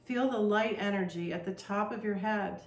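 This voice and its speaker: A woman leading a guided meditation with soft, soothing instructions. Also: medium pitch, normal speed, echoey room, soft background music.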